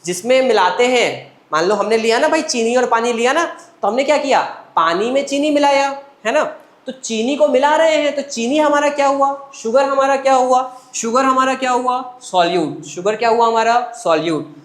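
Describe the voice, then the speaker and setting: A man's voice: very high-pitched, animated, a little fast. Male science teacher, repetitive lecture, quizzes his pupils then answers himself, echoey room. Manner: asks the class questions and answers them himself; repetitive, coaxing, calls students children. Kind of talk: classroom lecture.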